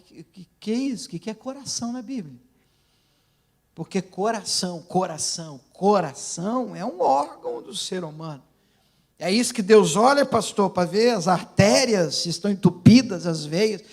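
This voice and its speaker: A man from Brazil, a pastor preaching a sermon, who swings between soft asides and loud emphatic lines and acts out the church members he quotes. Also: high-pitched, vocal fry.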